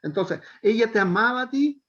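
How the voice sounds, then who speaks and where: A middle-aged man teaching a pastoral counseling class, gently coaxing a student and checking in often. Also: sits high, animated, moderate pace, highs cut off.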